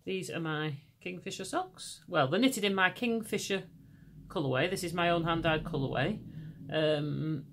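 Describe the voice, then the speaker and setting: A middle-aged Englishwoman with a Lancashire accent hosts a podcast in casual conversation. Her voice, deep by nature, is still hoarse from laryngitis, and she rambles and restarts often at a moderate pace. There's a slight hiss or hum in the recording.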